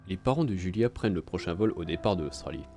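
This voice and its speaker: A man's voice: sits low, expressive, fast, darkish tone, soft background music. A man playing a video game on stream, reading its story text aloud and adding casual, crude asides. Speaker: let's play streamer.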